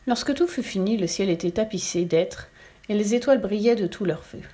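A woman telling a children's tale aloud. Her reading is lively and expressive, lingering over the storybook's lists. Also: medium pitch, fairly quick.

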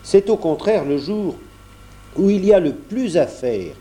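A man reading a novel aloud as narrator, in a measured storytelling manner. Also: high voice, lively intonation, mellow. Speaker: audiobook narrator. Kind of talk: scripted narration.

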